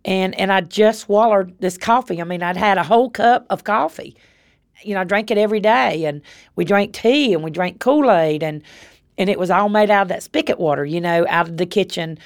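A woman's voice: mid-range voice, a little fast. A woman with a Southern US accent telling her own story in a plain-spoken, conversational way. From North Carolina. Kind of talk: personal storytelling.

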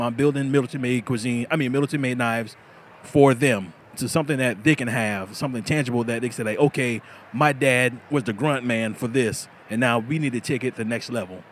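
Guy in his 30s, knifemaker, earnest, keeps restarting, faint hum behind. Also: mid-range voice. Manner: earnest, restarts often, laughs easily. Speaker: bladesmith, interviewee. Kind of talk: casual interview. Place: busy food festival, indoors.

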